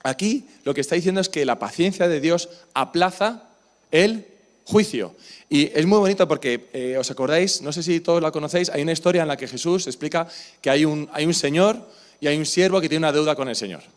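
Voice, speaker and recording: A male pastor with a Spain Spanish accent delivers a sermon in a church. His voice sits a little high, and he keeps it conversational, turning to the congregation with questions. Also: fairly quick. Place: church service.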